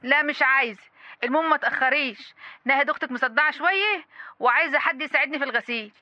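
An actress playing a curt, scolding Egyptian sister heard through a phone speaker in a radio drama. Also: female voice, high-pitched, fast talker, no echo. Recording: muffled dry phone-speaker sound.

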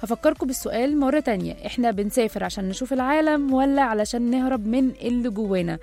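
A woman's voice: a little high, very fast, warm tone, faint music behind. A woman with an Egyptian accent hosting a radio talk show, chatting directly to her listeners. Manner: chatty, talking straight to listeners.

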